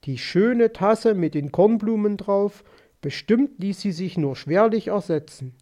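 A man narrating an audiobook story in an expressive, measured way. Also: sits high.

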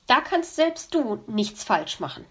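A cheerful female elf from a storybook, teasing and bright, a bit higher and louder than plain narration, as a woman reads her. Lively and friendly in tone. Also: a little slow, exaggerated voice. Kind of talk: audiobook reading.

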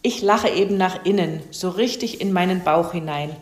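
A woman's voice: on the low side, normal speed, close to an everyday voice. A woman voicing a grumpy, greedy male fox who grumbles and sulks. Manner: grumbling, sulky. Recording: roomy echo.

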